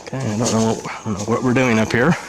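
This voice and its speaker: A man vlogging while climbing a steep hill outdoors, short of breath, talking in halting bits with pauses as he thinks aloud. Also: on the low side, steady tone, over music, rough recording. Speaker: vlogger exploring ruins. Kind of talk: hiking vlog narration. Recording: outdoor wind and ambient noise.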